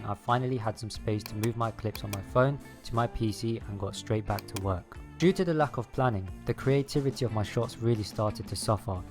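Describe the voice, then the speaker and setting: A man reading a scripted voice-over as a video creator, explaining his process step by step. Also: medium pitch. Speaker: video creator narrating his own making-of. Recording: music behind the voice. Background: background music.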